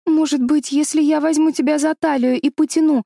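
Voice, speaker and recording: A woman's voice: high-pitched, fairly even intonation, a little fast, creaky, mellow, no room sound, studio quality, pitched above the performer's own voice. Woman doing a timid pleading little girl. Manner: pleading, begging, frightened. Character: timid anxious well-behaved little girl. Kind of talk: audiobook character voice.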